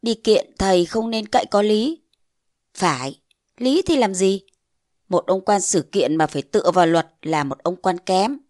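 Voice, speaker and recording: A woman's voice: lively intonation, a little slow, dry recording, studio quality. A woman narrating a novel aloud as an audiobook, acting out the quarrelling villagers with raised voices. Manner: voices shouting villagers with rising pitch. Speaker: audiobook reader.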